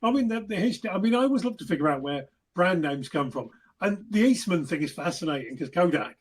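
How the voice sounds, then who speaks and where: A man's voice: high voice, lively intonation, fast, husky. A man hosting a podcast, chatting casually and cheering his co-host on with enthusiasm. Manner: affirming, enthusiastic listener. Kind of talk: casual chat.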